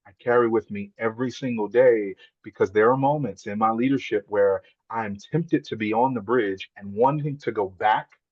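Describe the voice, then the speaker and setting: A man's voice: fairly low pitch, normal speed, darkish tone, no room sound, highs cut off. A man, a podcast guest, telling a heartfelt personal story in an earnest, emotional way, repeating words when moved.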